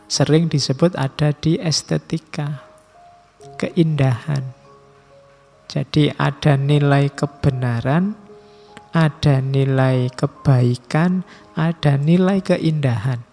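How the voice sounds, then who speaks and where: A middle-aged man giving a philosophy lecture, measured and slowing down to stress key terms, with casual asides. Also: on the high side, vocal fry, warm tone, soft background music.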